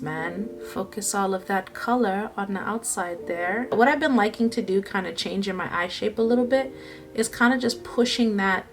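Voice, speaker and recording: A woman chatting playfully through a makeup tutorial, joking to herself as she works. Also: mid-range voice. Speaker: beauty vlogger. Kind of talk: casual makeup tutorial chat.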